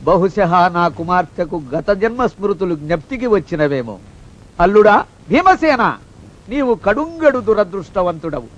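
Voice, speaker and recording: A pompous older man declaiming in lofty old-fashioned verse in a movie comedy. His voice sits very high and thin. The film sound is dull and lo-fi. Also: expressive, moderate pace. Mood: grandly declaiming. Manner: grandiloquent, declaiming in old-fashioned formal speech. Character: pompous old father-in-law speaking archaic formal verse.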